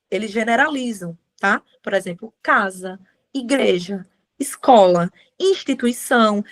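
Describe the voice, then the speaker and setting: A woman teaching a writing class live, chatty, often checking in with students. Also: fairly high pitch. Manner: chatty, addresses students as gente, many tag questions.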